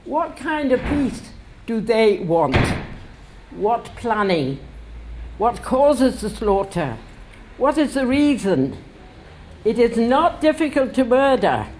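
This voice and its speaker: Her voice is mid-range with a darkish tone: an older woman launching her book in a bookshop, talking wryly and laughing between readings to a standing crowd. She uses a stand mic at a lectern, with slight background noise audible.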